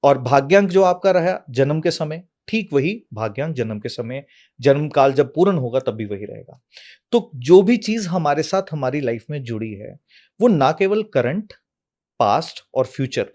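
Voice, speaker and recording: Calm teacherly man explaining. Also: medium pitch, moderate pace. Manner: calm, teacherly, poses questions then answers them. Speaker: astrology and numerology guest expert. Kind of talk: explanatory interview talk.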